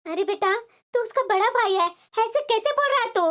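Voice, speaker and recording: A woman's voice: very high voice, expressive, moderate pace. Worried old mother. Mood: pleading. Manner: soft, pleading. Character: worried elderly mother pleading with her son. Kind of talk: cartoon voice acting.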